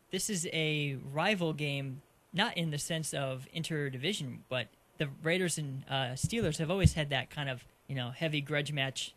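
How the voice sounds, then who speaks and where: Easygoing man with a higher voice. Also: a bit bright. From Arizona. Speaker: podcast co-host. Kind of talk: casual sports picks chat.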